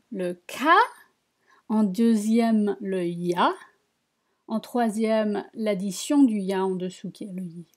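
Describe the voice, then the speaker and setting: A woman teaching a reading lesson, spelling out syllables one by one and repeating each word slowly. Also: mid-range voice, warm tone. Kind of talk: slow spoken language lesson.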